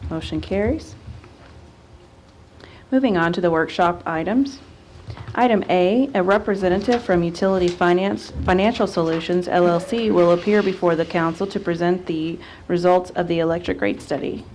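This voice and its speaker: Brief: woman chair, fairly low voice, brisk agenda-reading, council chamber desk mic. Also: darkish tone, a little hiss or hum. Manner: brisk, reads agenda items aloud. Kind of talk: running a council meeting.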